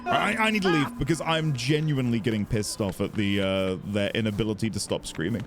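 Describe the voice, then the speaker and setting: A man's voice: lowish voice, a little fast, heavy background noise. A man giving casual, musing gameplay commentary as a let's play host, chatty and prone to mild swearing. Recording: game music behind the voice.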